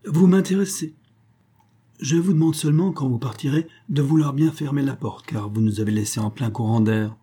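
A man's voice: mid-range voice, moderate pace, mellow, husky, voice pushed up, lightly acted. A man playing a cool, ironic detective. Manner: cool, mocking, raised tone. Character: calm, ironic adult male detective.

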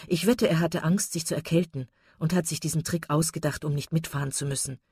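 A woman voicing a charming young gentleman in a read-aloud novel, sly and scoffing. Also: sits low, steady tone, brisk, husky, dry recording, studio quality. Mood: mocking.

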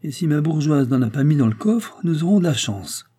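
A man's voice: fairly high pitch, expressive, normal speed, dark tone, voice pushed up. A man voicing a cunning male cutthroat who poses as a humble fruit seller, in a folksy, sly manner. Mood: urgent.

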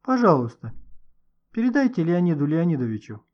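A man's voice: a little high, very animated, brisk, dull audio. A man doing a polite teenage boy. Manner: polite, earnest.

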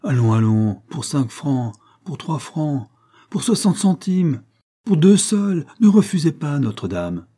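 A man's voice: a little high, sing-song, a little slow, dark tone, pitched above the performer's own voice. A man calling out like pushy street vendors selling trinkets. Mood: hawking. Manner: hawking, calling out.

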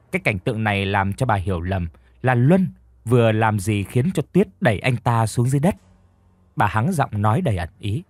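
Brief: male audiobook narrator, husky and expressive, dry close sound. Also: medium pitch, no echo. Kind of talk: dramatic story narration.

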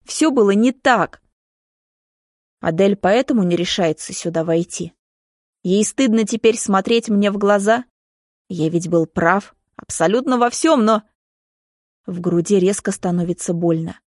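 A woman reading first-person audiobook narration in an even, tense storytelling manner. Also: mid-range voice, normal speed, no room sound, clean studio sound.

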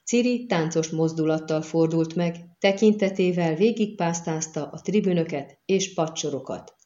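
A woman narrating an audiobook in a measured, dramatic manner, in a dull, lo-fi recording. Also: on the low side, dark tone.

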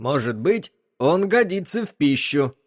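A nervous young crewman speaks up in a higher, eager voice, as a male narrator puts him on. He sounds anxious to please. The recording is dry and close. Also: big pitch swings, measured pace, no room sound.

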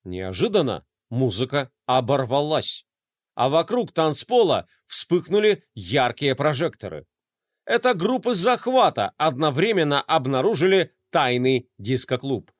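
A man narrating a children's audiobook in an expressive, lively way. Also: a little high, a little slow, no echo, studio quality. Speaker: storyteller.

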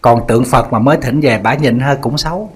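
A Buddhist monk with a Southern Vietnamese accent, giving a humorous sermon in a lively, teasing storytelling style. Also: male voice, medium pitch, a little fast, slightly rough.

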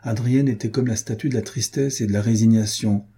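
A man narrates an old adventure novel as an audiobook. His reading is measured and literary. The voice is low, very dark and husky. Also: steady tone. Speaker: audiobook reader. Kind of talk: scripted narration of a classic novel.

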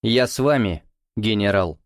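Male audiobook narrator, mid pitch, measured delivery, dry close sound. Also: dry recording. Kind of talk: scripted narration.

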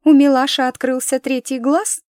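Sex: female figure, voiced by a woman. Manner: capricious, sharp, demanding. Pitch: high. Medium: audiobook. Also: little pitch movement, normal speed, no echo, clean studio sound, close to an everyday voice.

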